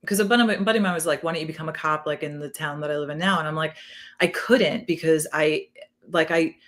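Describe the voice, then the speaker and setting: A middle-aged woman with a New York accent, a retired police detective telling animated stories in a casual interview, with a lot of "like". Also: sits low. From South Queens, New York City. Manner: animated, fast, peppered with "like".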